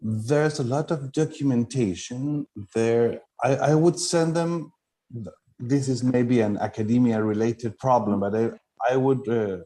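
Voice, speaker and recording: A man from Chile speaks over a video call with a mellow, dark tone at an ordinary pitch. He answers questions in a measured, thoughtful way, pausing on fillers as he works through his points. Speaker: culinary instructor. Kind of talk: online meetup interview.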